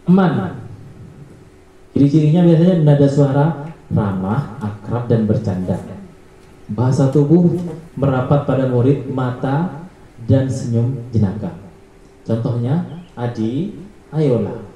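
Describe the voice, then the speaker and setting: A man's voice: medium pitch, animated, a little slow, long pauses, mellow, muffled recording. A male teacher presenting a training module, reading points as numbered lists. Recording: echoey room.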